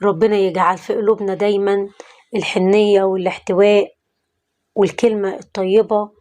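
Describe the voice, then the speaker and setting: A woman's voice: mid-range voice, level tone, a little fast, darkish tone. Egyptian woman narrating a church story. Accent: Egyptian Arabic.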